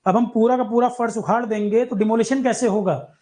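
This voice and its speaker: A man's voice: high voice, steady tone, a little fast, warm tone. Man teaching an exam-prep lecture. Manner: explains with everyday examples, speaks to students directly.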